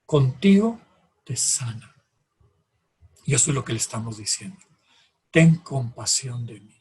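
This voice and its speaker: Calm man giving a spiritual talk, breathy voice. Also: mid-range voice. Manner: calm, measured, direct address to listeners.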